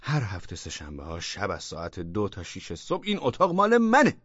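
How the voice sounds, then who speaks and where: A man voicing a brash, cheating man who loudly and indignantly defends himself, in a storybook reading. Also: huge pitch swings, no echo, dull audio, full character voice. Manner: loud, indignant, high-strung.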